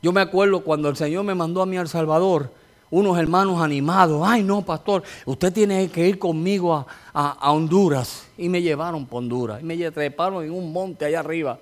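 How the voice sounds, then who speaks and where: A man's voice: on the high side, a little fast. A man preaching a sermon as a pastor, telling a testimony with rising fervor.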